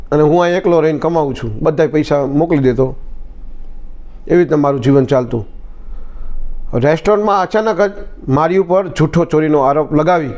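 A man's voice: a little high, a little mellow. A man hosting his own channel, telling a motivational story in a casual, conversational way and often repeating "he said" as he retells the dialogue.

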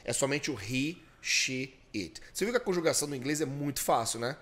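A man's voice: mid-range voice, expressive, fairly quick, a bit bright. A man with a Brazilian Portuguese accent hosting a podcast and teaching English grammar, patiently explaining and drilling repetitions. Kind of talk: bilingual English lesson.

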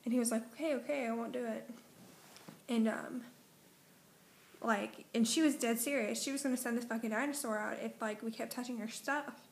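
A woman's voice: fairly high pitch, steady tone, a little fast, roomy sound. A young woman vlogger, just woken up, telling a long dream in a casual, meandering way full of fillers and self-corrections. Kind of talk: casual rambling story.

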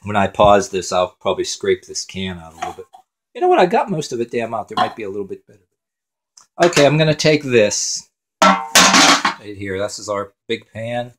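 Cooking-show host, male, lowish voice, rambling and profane, noisy phone recording in a home kitchen with clattering pans. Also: big pitch swings, moderate pace. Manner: rambling, swears casually, talks to himself while working. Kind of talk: casual cooking narration.

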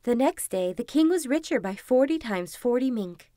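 A woman hosting a calm podcast, reading a folktale aloud in a soft, soothing way. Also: a little high, moderate pace, dry recording, clean studio sound. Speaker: podcast host and storyteller.

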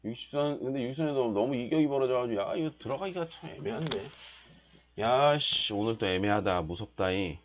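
A man running a live futures trading stream, explaining charts and then shouting and cheering as the price moves. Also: medium pitch, lively intonation, a little fast, background noise. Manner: explaining in casual lecture tone. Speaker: trading instructor.

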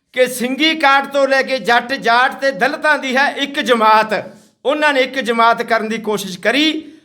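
A man's voice: extremely high pitch, bright, forceful tone. A man from Haryana, a social activist, giving an impassioned, scolding speech to villagers outdoors. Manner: indignant, scolding, repetitive.

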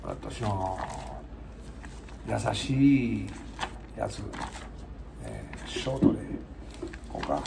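A man with a Kansai accent chatting casually to his viewers between songs, his voice hoarse and giving out, rambling and polite. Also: lowish voice, very slow, pauses often, heavy background noise. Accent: Kansai Japanese. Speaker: singer-guitarist streamer.

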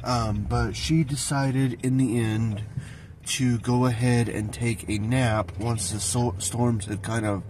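Slow-talking man vlogging from a car. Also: medium pitch, fairly even intonation. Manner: rambling, many fillers and repeats. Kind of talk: casual vlog chat. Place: inside a car at night. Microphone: phone at arm's length. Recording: loud car road noise.

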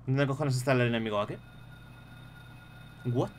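A young man with a Spain Spanish accent talks through a horror game in a loose, cursing commentary. His voice sits at an ordinary middle pitch. A faint steady hum runs under his voice. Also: normal speed. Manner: swears freely, yelps when startled. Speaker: gaming streamer. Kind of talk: casual gameplay commentary.

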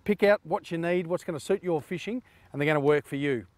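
A middle-aged man hosts a fishing show outdoors by a river, chatting to camera in a relaxed, enthusiastic way. His voice sits a bit high for a man. Loud music plays behind him. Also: quick pace. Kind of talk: casual presenting to camera.

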